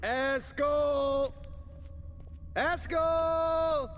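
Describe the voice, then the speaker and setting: A man's voice: fairly high pitch, very animated, measured pace, a bit bright, slight background noise. An actor playing a sarcastic, crude witcher who mocks his friends. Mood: mocking. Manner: mocking, crude, sardonic. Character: gruff sarcastic witcher man, crude joker. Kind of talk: video game character dialogue.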